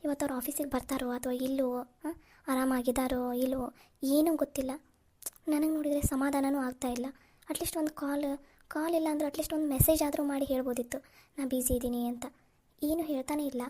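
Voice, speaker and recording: A woman's voice: sits high, steady tone, a little fast, dark tone, natural voice. A woman voicing an anxious young office worker who talks in a pleading, fretful way. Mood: worried. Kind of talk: cartoon voice acting.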